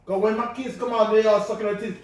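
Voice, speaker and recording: A man arguing in loud, animated barbershop-debate banter, cutting in insistently with slang and swearing. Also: high voice, rapid-fire. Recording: very echoey room, distant mic, faint noise.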